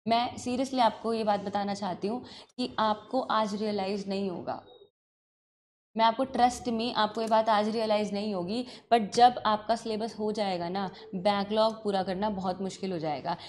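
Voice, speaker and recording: A woman's voice: mid-range voice, steady tone, moderate pace, darkish tone, a little hiss or hum. Earnest woman law teacher. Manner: earnest, scolding yet caring, mixes Hindi and English. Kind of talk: classroom talk to students. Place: classroom.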